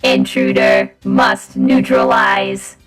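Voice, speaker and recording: A woman voicing a cold, mechanical robot guard through a robot voice changer, barking flat commands. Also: very deep voice, slow pace, music in the background, pitched below the performer's own voice, exaggerated voice. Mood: mechanical alert. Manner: flat commanding alarm calls.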